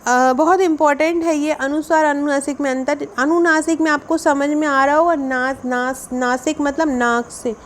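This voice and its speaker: High-voiced woman teaching grammar. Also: steady tone, moderate pace, few pauses, a little hiss or hum. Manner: explains step by step and repeats key definitions. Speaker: exam coaching teacher. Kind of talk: explaining Hindi grammar for an exam.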